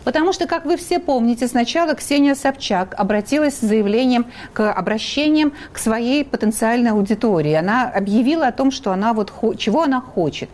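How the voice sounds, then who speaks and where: A woman hosting a talk show, setting up a clip and questioning her guest in a measured, deliberate way. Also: a little high, animated, a little mellow. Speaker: host. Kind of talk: studio talk show moderating.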